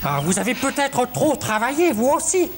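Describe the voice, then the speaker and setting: A man's voice: extremely high pitch, sing-song, normal speed, a little hiss or hum, full character voice. A man voicing a cheerful, clumsy dinosaur creature in a 1970s children's TV show, talking in a bouncy, childlike way. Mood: cheeky. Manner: bouncy, childlike, eager to help.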